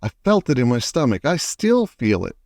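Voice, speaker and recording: A man's voice: mid-range voice, sing-song, normal speed, a little mellow, no room sound, studio quality. Man as a morose, grumbling storybook earthworm. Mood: gloomy. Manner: morose, complaining. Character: gloomy, grumbling, self-pitying male earthworm.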